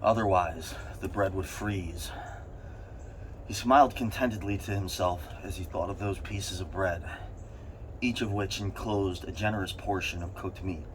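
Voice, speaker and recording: Guy with a low voice reading a story out loud, strained bursts of emphasis, some background noise. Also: measured pace, low-quality recording. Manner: strained bursts of emphasis, as if sitting in an ice bath. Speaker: reader of a short story. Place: in an ice bath.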